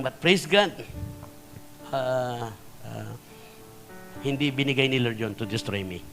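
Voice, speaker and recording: A man's voice: medium pitch, a bit bright. A man with a Filipino accent preaching a sermon as a pastor, telling stories and often asking the congregation "Amen?" as he slips between languages. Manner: storytelling preacher, mixing English phrases, frequent "Amen?" to the congregation. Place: church.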